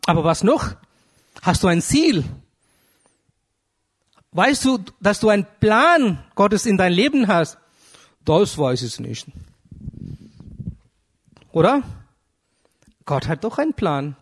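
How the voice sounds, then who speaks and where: A man preaching a sermon in German with earnest, halting delivery, searching for words and asking his listeners direct questions. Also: high-pitched. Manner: asks the congregation direct questions.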